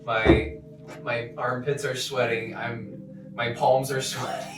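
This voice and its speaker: A man plays a tabletop game, describing his actions casually and haltingly with a jokey manner. His delivery is slow, in a roomy space with music underneath. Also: mid-range voice, flat delivery, far from the mic.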